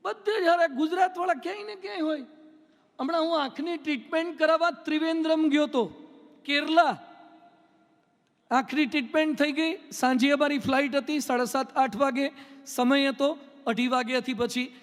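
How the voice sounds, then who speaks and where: High-voiced monk preaching in a hall. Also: male voice, fairly even intonation, moderate pace, a bit bright. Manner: storytelling, playful, mimics people. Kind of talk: humorous sermon with anecdotes. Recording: long hall reverb.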